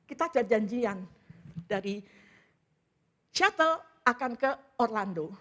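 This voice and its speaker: A middle-aged woman giving a sermon testimony, telling her story in a lively way and often calling out to the congregation. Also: a little high, takes it slowly. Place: church sanctuary.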